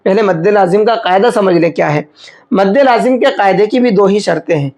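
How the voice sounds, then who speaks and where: A man giving a patient tajweed lesson, posing questions and then answering them himself. His voice sits fairly high for a man. He stretches out each demonstration word very slowly before returning to explanation. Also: darkish tone. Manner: slows right down to demonstrate recitation. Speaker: Quran recitation teacher.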